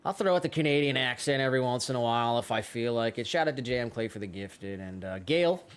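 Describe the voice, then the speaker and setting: Easygoing man doing stream shout-outs. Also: mid-range voice, animated, clean tone. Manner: easygoing, chatty, drawn-out fillers. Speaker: livestream co-host. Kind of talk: casual chat and chat shout-outs. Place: pottery studio.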